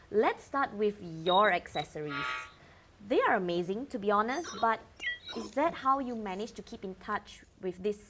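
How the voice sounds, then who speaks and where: Woman playing a slow, swooping, glib talk-show host. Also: medium pitch, background noise, close to an everyday voice. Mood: wry. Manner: wisecracking, flustered stammering. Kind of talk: scripted satirical talk-show presenting.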